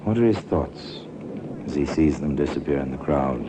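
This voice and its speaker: The host of a 1950s radio crime anthology narrates with a rumbling low voice, animated and moderately paced, against a noisy background and music. He sounds like a knowing storyteller: musing, dry-witted and insinuating, ominous but measured.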